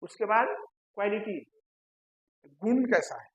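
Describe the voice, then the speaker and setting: Husky-voiced male teacher quizzing his class. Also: high voice, animated, low-quality recording. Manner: asks rhetorical questions and answers them himself; repeats key terms slowly for emphasis. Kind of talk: classroom lecture.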